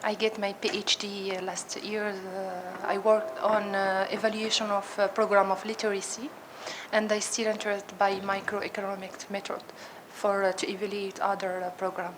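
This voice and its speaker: Woman from Morocco, hesitant speech, flat intonation, noisy room. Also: mid-range voice, moderate pace. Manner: hesitant, non-native phrasing.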